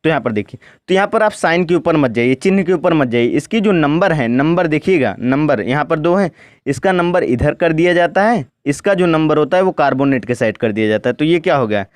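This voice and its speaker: A man teaching chemistry at a board, speaking slowly and asking questions he then answers himself. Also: a little high, lively intonation, dry recording. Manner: asks questions and answers them himself, repeats "ठीक ना". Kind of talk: board lesson, step by step.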